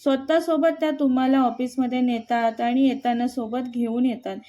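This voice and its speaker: A woman's voice: high-pitched, fairly even intonation, normal speed, warm tone, close to an everyday voice. A woman voicing a shy young woman who speaks meekly and apologetically in a storybook reading. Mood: apologetic. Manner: meek, apologetic.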